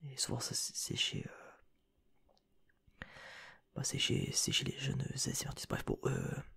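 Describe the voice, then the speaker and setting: A man's voice: mid-range voice, huge pitch swings, measured pace, vocal fry, bright, forceful tone, husky. A man giving whispered ASMR reaction commentary as a content creator and streamer, rambling with slangy, joking asides, close to a sensitive microphone.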